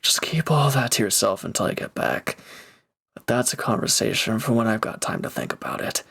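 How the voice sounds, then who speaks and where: Flustered and torn, a man voicing a reformed villain in an intimate audio drama comes across gruff yet caring, earnest, halting, and awkwardly tender. His voice sits at a medium pitch with a fairly bright tone.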